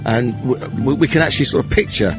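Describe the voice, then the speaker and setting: A man's voice: medium pitch, fast talker, over music. A man hosting and interviewing guests at a dinner event, speaking with enthusiasm. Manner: enthusiastic, effusive. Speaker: event video host and interviewer. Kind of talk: casual interview.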